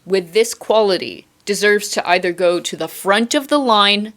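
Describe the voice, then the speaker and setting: A woman's voice: medium pitch, moderate pace, a bit bright. A young woman hosting a casual interview chat, with a playful, mock-formal, dryly joking way of talking. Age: young adult. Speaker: host.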